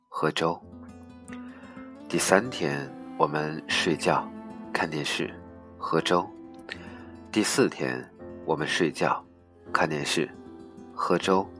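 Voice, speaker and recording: Deep-voiced man reading a story. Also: fairly bright tone. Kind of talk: reading a humorous personal story aloud.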